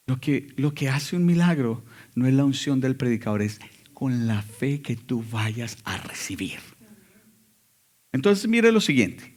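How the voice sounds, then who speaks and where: Emphatic male pastor, slightly high voice. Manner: emphatic preaching with sudden loud and quiet passages. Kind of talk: sermon.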